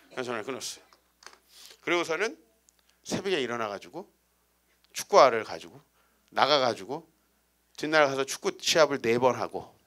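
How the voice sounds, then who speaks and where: A man's voice: medium pitch, a bit bright. A man in his forties, a guest pastor giving a humorous storytelling sermon in a church, teasing the congregation with rhetorical questions. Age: 40s. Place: church sanctuary.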